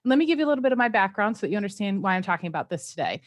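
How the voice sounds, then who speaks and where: A woman's voice: mid-range voice, sing-song, rapid-fire. A woman giving a friendly, enthusiastic conference presentation on a video call.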